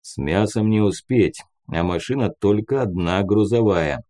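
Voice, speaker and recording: A gruff older commander with a deep, dark, unhurried voice, put on by a male narrator. He talks in a slow, folksy way, like a seasoned field leader in an audiobook. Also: lightly acted.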